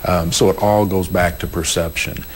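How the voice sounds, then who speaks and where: A man's voice: low voice, fairly even intonation, normal speed, a little hiss or hum, rough recording. A man, a state legislator and former prosecutor, explaining his views on a panel, often repeating words as he thinks. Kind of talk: panel discussion.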